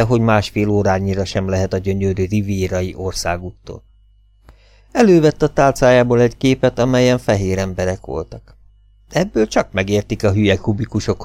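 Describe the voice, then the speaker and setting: A man reading a humorous novel aloud as an audiobook, with lively, expressive storytelling. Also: on the low side, dry recording, studio quality. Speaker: audiobook reader.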